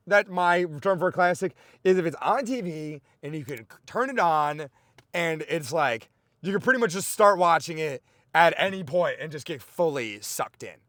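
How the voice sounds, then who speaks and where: A man with a high, lively voice rambles through a comic podcast monologue. He is excitable and profane, and he keeps drifting off on sidetracks. The recording is close and dry. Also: dry recording. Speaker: comedian podcast host.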